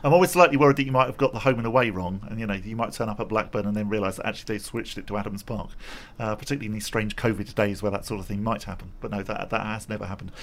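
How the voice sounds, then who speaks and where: A man working as a radio presenter speaks very fast in a low-ish, fairly bright voice as he narrates his arrival, first in a car, then on foot outdoors at a stadium. Afterward he talks it over in the studio. His manner is chatty and self-deprecating, with lots of fillers, in casual on-the-go and studio commentary.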